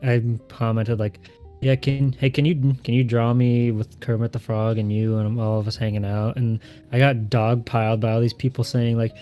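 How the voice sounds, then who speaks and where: A man's voice: medium pitch, little pitch movement, normal speed, mellow, clean tone, faint music behind. A man as a podcast guest, chatting casually in a joking, playfully teasing way. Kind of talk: casual streamed podcast chat.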